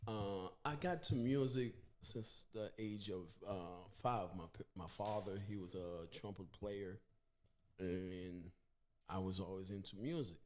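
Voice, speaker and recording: Brief: man, 40s, from Haiti, lowish voice, upbeat and laughing radio guest who trips over words. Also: measured pace, a little mellow. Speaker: radio show guest, musician. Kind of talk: casual radio interview.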